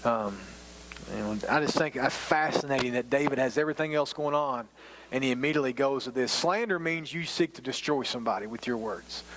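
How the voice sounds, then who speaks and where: A man's voice: mid-range voice, a little fast, noisy background. A man in his forties preaching a sermon as a pastor, talking in a conversational, self-deprecating way with rambling asides. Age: 40s.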